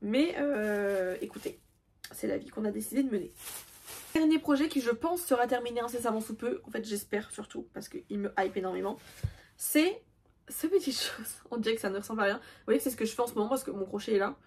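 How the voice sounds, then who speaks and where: A woman's voice: a little high, a little fast, darkish tone, slight background noise. A young woman in casual chat, showing her crochet projects with self-mocking asides and many fillers. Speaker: crochet vlogger.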